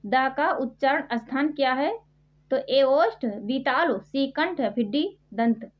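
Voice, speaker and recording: A woman's voice: sits high, takes it slowly. A woman teaching a grammar quiz lesson, reading each question and answer twice and spelling out the sounds one by one. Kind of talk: quiz-style exam prep lesson. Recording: dull lo-fi sound.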